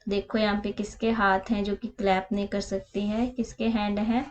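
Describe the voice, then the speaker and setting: A woman teacher with an Indian accent explaining a school lesson, switching between Hindi and English and reading the English lines out slowly. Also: mid-range voice, flat delivery. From Punjab, India.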